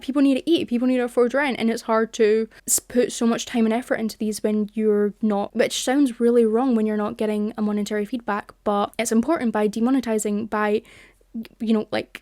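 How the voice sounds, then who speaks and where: A woman's voice: a little high, darkish tone, no room sound, clean studio sound. A young British woman giving an earnest, impassioned commentary vlog to camera, a little rambling at times. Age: young adult. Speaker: commentary YouTuber.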